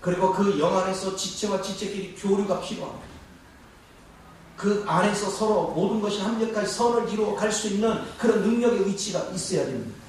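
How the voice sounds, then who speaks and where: In a church sanctuary, a pastor preaches to his congregation, posing rhetorical questions along the way. His voice sits high with a darkish tone and moves fairly quickly. Captured by a far-off mic in an echoey hall, the audio carries a little hiss or hum.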